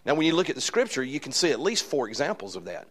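A man's voice: a little high, sing-song, fast, a bit bright. Alabama accent guy talking to a church group, folksy, stops and restarts his words. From Alabama, United States. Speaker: guest pastor and church fundraising consultant. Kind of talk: public address to a church congregation.

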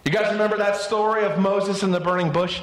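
High-voiced earnest male pastor. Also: steady tone, fast talker, reverberant, poor audio. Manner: earnest, with stammered restarts. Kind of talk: sermon.

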